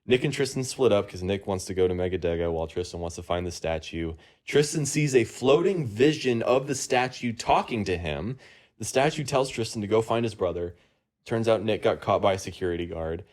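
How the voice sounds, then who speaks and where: A man's voice: on the low side, lively intonation, fairly quick, darkish tone. A man hosting a casual podcast, rambling through a movie plot recap with lots of ums and uhs among friends. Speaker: podcast host.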